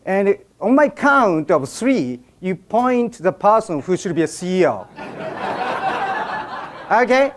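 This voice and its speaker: A man's voice: high-pitched, very animated, slow pace, pauses often, noisy background. A man with a Japanese accent, a native Japanese speaker, giving a joking seminar talk and directing a live audience.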